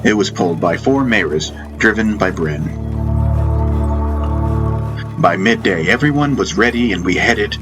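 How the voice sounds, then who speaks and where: Reading a scripted first-person fantasy story, a man speaks on the low side with plenty of expression, taking his time and leaving long pauses. A music bed accompanies the narration.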